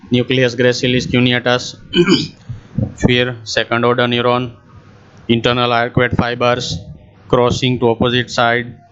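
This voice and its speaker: Slow-speaking lecturer, man. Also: medium pitch, a bit bright, smooth. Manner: mixes Hindi and English, walks through a diagram step by step. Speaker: anatomy lecturer. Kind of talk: slow, deliberate medical lecture. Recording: muffled, slightly lo-fi screen recording.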